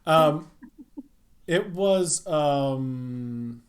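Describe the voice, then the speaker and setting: A man's voice: a little high, lively intonation, drawn-out words. A man chatting casually on a podcast, rambling with lots of ums and restarts. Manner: rambling, many fillers. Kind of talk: casual chat.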